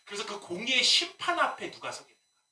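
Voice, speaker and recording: Very animated and fast-talking, a male pastor preaches with a high, bright, forceful voice that ranges widely in pitch, peppering the congregation with rhetorical questions and wry remarks. It's a sermon captured from afar in an echoey church sanctuary.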